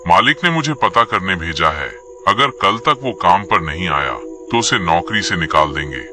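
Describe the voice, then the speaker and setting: A man's voice: low voice, animated, moderate pace. A man playing a polite young coworker. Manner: polite, concerned. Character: polite young male friend from work.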